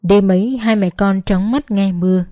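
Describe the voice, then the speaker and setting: A woman narrating an emotional first-person story in a slow, gentle, measured reading. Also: mid-range voice, fairly even intonation, no room sound. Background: faint background music.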